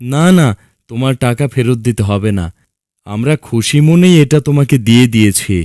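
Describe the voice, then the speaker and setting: A man's voice: medium pitch, expressive, moderate pace, a little mellow, dry recording, clean studio sound, close to an everyday voice. A man voicing a kind, generous, wealthy farm owner in a cartoon. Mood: reassuring.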